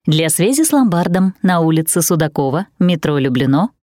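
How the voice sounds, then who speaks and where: Low, polished phone-menu woman. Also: a little fast, dry recording, studio quality. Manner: polished, even-paced, courteous. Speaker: voice-over announcer. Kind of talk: recorded phone greetings.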